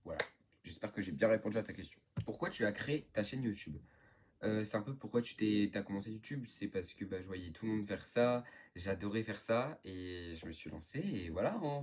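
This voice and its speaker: A teen boy from northern France hosts a casual YouTube vlog answering what viewers asked, talking on and on with many fillers. He has a fairly low, slightly mellow voice with a breathy edge.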